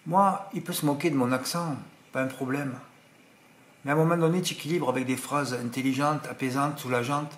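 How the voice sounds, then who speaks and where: A man's voice: medium pitch, steady tone, fairly quick. A man from France talking to his viewers in a casual monologue, rambling, repeating himself and sounding indignant. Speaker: vlogger. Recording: roomy echoey recording.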